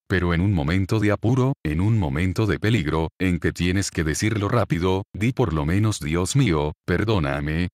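Spanish priest, low-pitched man, patient didactic delivery, repeats his key lines. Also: dry recording, studio quality. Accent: Spain. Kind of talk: religious talk to an audience.

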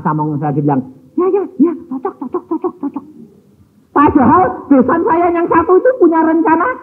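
A high, lively male preacher, telling a family story from the pulpit. His voice swoops up and down as he plays each person in it, and the husky sound comes through a thin, phone-like recording. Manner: animated, acts out family dialogue with Javanese phrases. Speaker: evangelist preacher. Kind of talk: sermon with storytelling.

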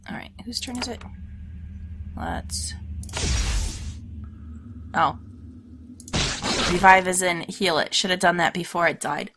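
Hosting her let's play series, this woman talks slowly with frequent pauses, her low-leaning voice scratchy as if from a sore throat. Her commentary is animated and casual, a chatty stream of thoughts while she plays.

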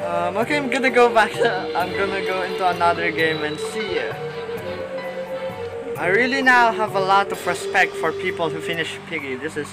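Panicky and nervous, a young man who makes gaming videos talks through a horror game in his slightly high voice, fretting and saying "oh no" repeatedly. Loud game music plays behind him on a low-quality recording.

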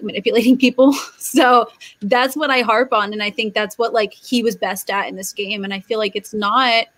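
A woman guest chatting casually on a panel, animated, with many fillers and restarts. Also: on the high side, no echo, poor audio. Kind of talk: casual chat.

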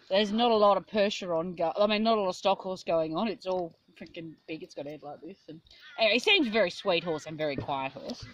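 A woman's voice: medium pitch, background noise. A woman, a riding instructor, chatting casually and telling a long story about a lesson, acting out what people said. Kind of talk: casual chat.

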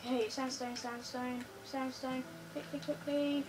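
Casual gameplay chat from a girl co-hosting a building game, her voice high-pitched, slightly croaky and level in tone. Rushed by time pressure, she keeps repeating words. A phone camera pointed at the living-room TV captures her from afar, along with room noise.

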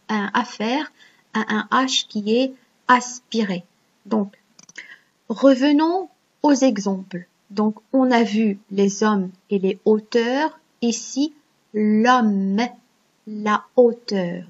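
A woman's voice: a little high, slow pace, husky, highs cut off. A woman teaching a grammar lesson online, patiently explaining step by step and checking in with her students. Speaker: French teacher.

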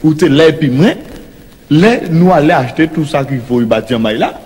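A man with a Martinican French accent rambles through a comic stage sketch in pompous, mangled French. His voice sits somewhat high for a man. A long reverberation trails behind him. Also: animated, a little fast, darkish tone. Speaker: comedian playing a father.

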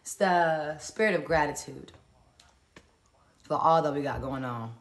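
A woman's voice: low-pitched, measured pace. A woman hosting a live-stream morning encouragement, colloquial and preacherly as she greets viewers by where they are.

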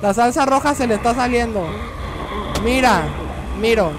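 Young male streamer, Mexican accent, high voice, rude banter, yelps at scares. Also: moderate pace, noisy background. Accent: Mexican Spanish. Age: young adult. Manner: crude joking, talks back to game characters; yells when startled. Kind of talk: gameplay commentary.

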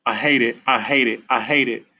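A man reading aloud and voicing a sullen, hurt ten-year-old boy who answers in low, bitter words. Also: steady tone, a little fast, sharp tone.

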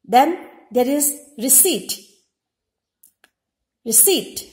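Slow, high-voiced woman teaching a lesson. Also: expressive, a little mellow. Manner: repeats each example word slowly and explains. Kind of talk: slow, deliberate classroom lesson. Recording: echoey room.

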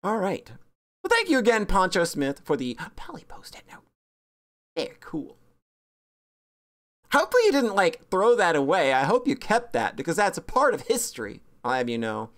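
A woman streamer chats through fan art in a casual, rambling way. Her voice sits a little low but swings widely, jumping into squeaky excited bursts. She is bubbly and pokes fun at herself. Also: normal speed. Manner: bubbly, rambling, self-mocking, with sudden squeaky high bursts. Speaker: VTuber streamer.

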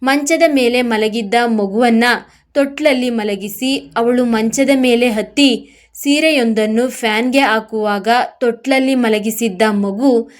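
A woman narrating a serialized motivational story in a steady, earnest storytelling manner. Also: fairly high pitch.

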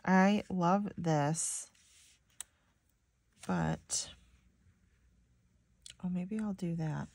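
Speaking extremely slowly and pausing often, a young woman uses a low, darkish, slightly nasal and stuffy voice. She's a planner vlogger from Michigan who rambles to her viewers while decorating a planner, chatty and sprinkling in many "like"s.

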